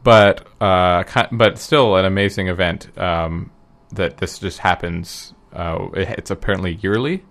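A man's voice: sits low, measured pace, fairly bright tone. A man chatting casually, rambling and hesitant, full of ums and restarts. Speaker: guest recounting an event. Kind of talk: casual chat.

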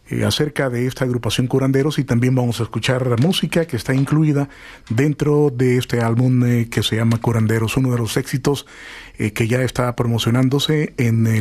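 A man's voice: medium pitch, darkish tone. Hesitant male radio show host. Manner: hesitant, with frequent "eh" fillers between phrases; reads news items in a measured, informative way. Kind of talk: radio talk show hosting and news commentary.

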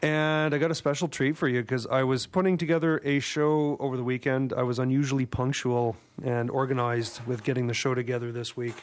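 Gravelly-voiced man hosting radio. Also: mid-range voice. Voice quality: gravelly, raspy from a cold. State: getting over a cold. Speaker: radio host. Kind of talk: casual music show presenting. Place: radio studio.

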